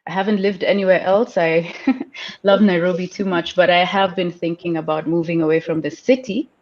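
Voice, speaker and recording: A woman's voice: on the low side, steady tone, normal speed, darkish tone. Woman hosting a video panel. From Kenya. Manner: welcoming, steers the panel through questions. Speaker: webinar host. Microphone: video call. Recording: dull lo-fi call audio.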